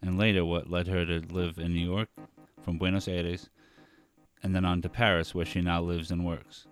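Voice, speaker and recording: A man hosting a podcast, introducing the guest and asking questions in a relaxed, easygoing way. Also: sits low, moderate pace, soft background music. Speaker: podcast host.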